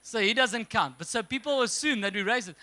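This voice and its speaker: A young stand-up comedian from South Africa, his Afrikaans accent strong. His voice sits high for a man and rings bright and forceful, and his delivery is animated as he drops in and out of mocking voices for the characters he describes. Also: brisk.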